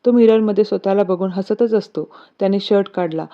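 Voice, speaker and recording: A woman narrating a romance story in a steady, expressive reading. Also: medium pitch, fairly quick. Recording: dull lo-fi recording.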